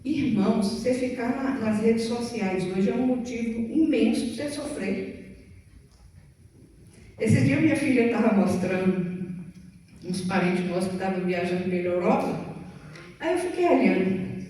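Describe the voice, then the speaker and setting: A woman's voice: fairly high pitch, expressive, unhurried, pauses often, warm tone, a little hiss or hum. A middle-aged Brazilian woman preaching to teenagers in a church, chatty and playful, acting out little stories. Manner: playful, chatty, acts out quotes. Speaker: youth service speaker. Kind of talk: sermon to teenagers. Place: church hall. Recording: echoey hall from far off.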